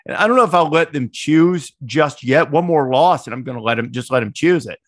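A man's voice: fairly high pitch, expressive, brisk, no echo, clean studio sound. A middle-aged man co-hosting a podcast, chatting casually about college football in a rambling, digressive way with many restarts. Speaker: podcast co-host. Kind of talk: casual sports chat.

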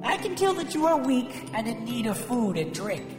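A man voicing a kind woman tavern keeper in a storybook tale, speaking gently and warmly welcoming. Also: very high voice, sing-song, moderate pace, roomy sound, long reverb tail, music in the background, pitched above the performer's own voice.

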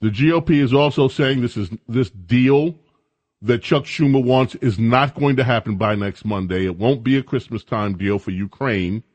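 A man's voice: medium pitch, normal speed, darkish tone, no echo, highs cut off. A man hosting talk radio, giving opinionated commentary in a conversational, emphatic way.

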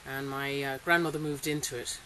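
A woman's voice: a bass voice, fairly even intonation, brisk, a bit bright, poor audio. A middle-aged woman who grew up in Singapore, talking casually about her farm in an interview with frequent fillers and laughter. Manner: chatty, laughs often, hesitant with fillers. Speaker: interviewee, farmer. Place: polytunnel on a farm. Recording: faint hiss, rain on tunnel.

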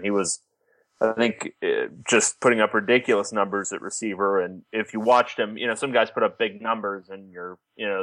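A man's voice: on the low side, fairly bright tone, no echo, rough recording. A man co-hosting a sports talk show, chatting casually and with enthusiasm.

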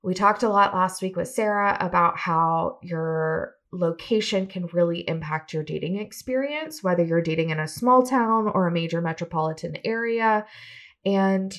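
A woman in her thirties hosting a casual solo podcast, chatty and upbeat with a self-deprecating streak, her voice hoarse from a cold. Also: on the low side, moderate pace, fairly bright tone. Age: 30s. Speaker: podcast host.

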